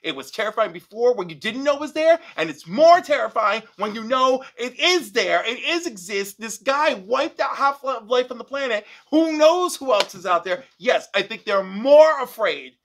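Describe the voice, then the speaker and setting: A man with a notably high-pitched voice co-hosts a casual review chat. He argues his view emphatically, stacking repeated words for force. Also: expressive, normal speed, hardly any pauses, fairly bright tone. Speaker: podcast co-host.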